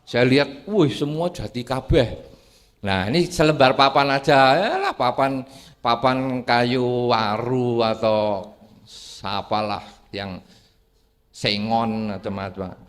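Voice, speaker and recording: Lively monk preaching in a hall. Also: male voice, mid-range voice. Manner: lively storyteller, acts out characters. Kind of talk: humorous dharma talk. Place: large hall with an audience. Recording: long hall reverb.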